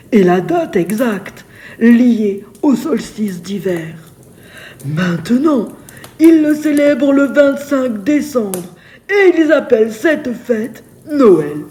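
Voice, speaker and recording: A woman voicing a solemn, centuries-old male leader of a legendary hunt in a storybook, grave and hushed. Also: a little high. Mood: solemn, wistful. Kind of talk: storybook character narration.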